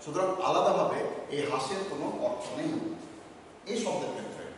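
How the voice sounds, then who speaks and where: A male teacher giving a slow, measured grammar lesson with pauses between words, recorded in an office room. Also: a little high, a little hiss or hum. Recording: echoey room from far off.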